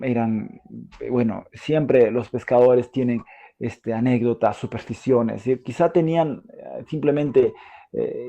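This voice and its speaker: Gravelly, mellow-voiced Peruvian preacher. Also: male voice, medium pitch. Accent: Peruvian Spanish. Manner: conversational, asks the audience questions, frequent fillers. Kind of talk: sermon.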